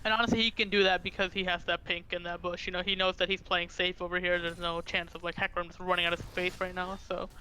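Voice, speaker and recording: A high, bright-voiced man adds casual color commentary to an esports match, often agreeing with his partner. His tone is crisp and sharp. A faint hiss of noise runs under his voice. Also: level tone, fast, few pauses, rough recording. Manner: casual agreeing color commentary, frequent "honestly" and "you know". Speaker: esports co-caster.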